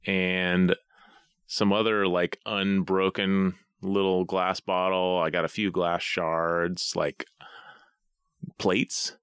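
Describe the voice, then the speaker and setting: A man co-hosting a podcast in a casual chat, rambling through long, drawn-out stories. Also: sits low, little pitch movement, a bit bright, clean tone, dry recording, studio quality. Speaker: podcast co-host. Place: home basement studio.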